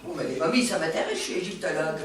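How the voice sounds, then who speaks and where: On a theatre stage, an actress plays an exuberant older woman who used to be an actress, performing stage comedy in a lively, chatty, theatrical and quick-witted way. Her voice sits low and expressive, with crowd noise and a roomy, distant stage sound.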